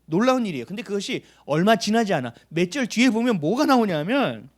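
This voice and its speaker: A male pastor delivers a sermon in a high, lively voice whose pitch swoops up and down. He keeps questioning his listeners and then answering himself. For emphasis he sometimes sinks to a hushed near-whisper. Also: fast. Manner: animated, asks the congregation questions and answers them.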